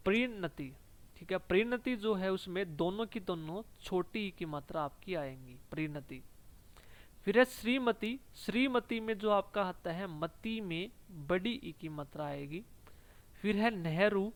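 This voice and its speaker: Male tutor, higher voice, exam-prep spelling lesson, repetitive, steady drill delivery. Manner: repeats each word slowly, adds "ठीक है" constantly. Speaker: teacher.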